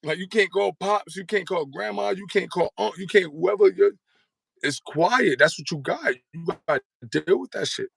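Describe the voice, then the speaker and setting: A man's voice: high-pitched, normal speed, gravelly, fairly bright tone, breathy edge, no echo. A man in his thirties telling his story as an interview guest, rambling in slangy street talk and often asking if you follow. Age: 30s. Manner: rambling, repeats "you know what I'm saying".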